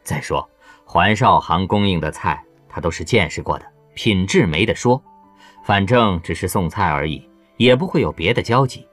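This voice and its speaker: A man reading an audiobook novel as its narrator, in a lively storytelling way. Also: low voice, normal speed, no echo, soft background music. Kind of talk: scripted narration.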